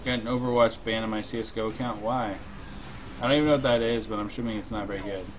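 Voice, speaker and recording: A young man with a fairly low voice commentates on his game live in a laid-back, conversational way with casual swearing. He speaks indoors at a computer. The stream audio is clearly noisy, with keyboard typing behind him. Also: steady tone, quick pace. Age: young adult. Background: keyboard typing, game sounds.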